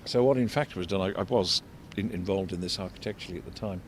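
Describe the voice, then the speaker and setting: An older man giving unscripted commentary as an architect and local guide, discursive and explanatory, halting and repeating words. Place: outdoors in a shopping street. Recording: vehicle rumble, street noise. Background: faint street traffic rumble.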